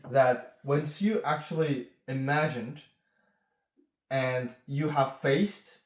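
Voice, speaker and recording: Slow, earnest man coaching in an echoey room. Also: mid-range voice, darkish tone. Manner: slow, earnest, repeats "okay?". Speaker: relationship coach. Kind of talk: coaching monologue.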